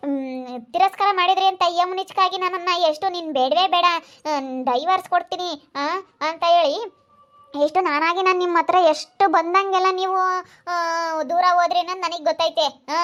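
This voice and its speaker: A jealous young wife argues back in a shrill, indignant voice, as a woman plays her. The voice is very high and stays sharp and defiant. It comes from a homemade village family drama. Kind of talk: amateur family drama acting.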